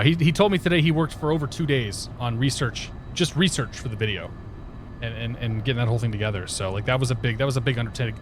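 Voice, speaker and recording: A man with a mid-range voice livestreams himself flying a flight simulator, offering relaxed commentary and greeting viewers by name. The headset audio carries a little hiss or hum.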